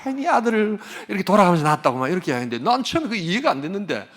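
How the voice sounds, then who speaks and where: An older man, a pastor, preaching a sermon with animated storytelling and sometimes dropping to a whisper. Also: high-pitched, very fast.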